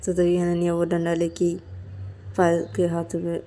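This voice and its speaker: A woman's voice: lowish voice, monotone, normal speed, dark tone. A woman narrating a romantic story in a plain, running way. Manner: plain, running narration with many "to tabhi" links.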